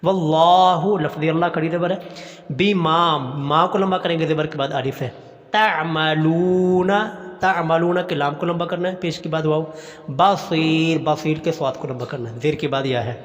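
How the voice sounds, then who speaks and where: Guy with a high voice slowly chanting verses then explaining them, lots of reverb. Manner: slow chanted recitation, then plain explanation. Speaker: Quran teacher. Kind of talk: recitation lesson.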